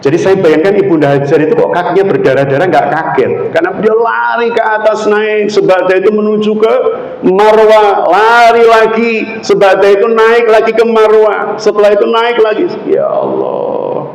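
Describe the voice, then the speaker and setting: A male Islamic preacher with a Javanese accent, giving an animated sermon and quizzing the audience with questions. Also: sits high, moderate pace. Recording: echoey hall, faint background noise.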